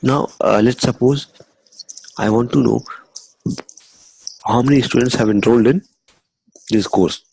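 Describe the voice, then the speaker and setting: A man's voice: mid-range voice, a little slow, vocal fry, long pauses, darkish tone, husky, no echo, rough recording. A young man teaching a screen-recorded coding lesson, talking conversationally, adding "okay" often and restarting phrases. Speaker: instructor.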